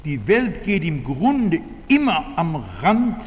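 Older man, preacher, sermon, emphatic, lively pitch, reverberant church. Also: slow pace, lo-fi sound. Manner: emphatic, repeats key phrases.

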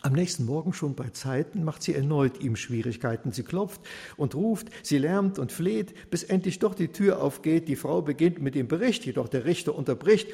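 A man telling a story in rhyming verse with a lively, rhythmic delivery. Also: fairly high pitch, normal speed, gravelly, big-room sound.

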